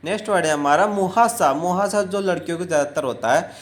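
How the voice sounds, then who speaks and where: A vocabulary teacher giving a word-by-word lesson in a steady, repetitive way, slowing down to repeat each word and its meaning. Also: mid-range voice.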